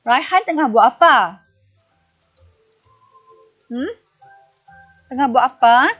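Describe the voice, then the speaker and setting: A woman teacher with a high, light voice leads a recorded online lesson at an unhurried pace. She patiently puts questions to her young pupils and then answers them herself. The recording sounds dull and lo-fi. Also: animated, husky, soft background music. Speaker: primary school teacher.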